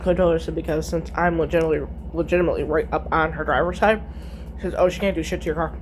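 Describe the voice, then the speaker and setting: A woman's voice: deep voice, steady tone, racing, a little hiss or hum. Blunt, chatty middle-aged woman. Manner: chatty, retells conversations with many "I said, she goes"; blunt, swears freely. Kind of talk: casual storytelling.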